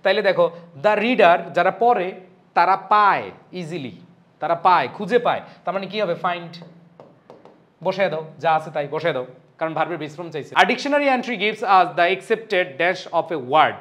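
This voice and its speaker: A young man with a Bangladeshi accent and a fairly high voice runs an online exam-prep English lesson. He keeps asking the students questions, then answers them himself with firm emphasis. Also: lively intonation, measured pace, fairly bright tone. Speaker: English teacher.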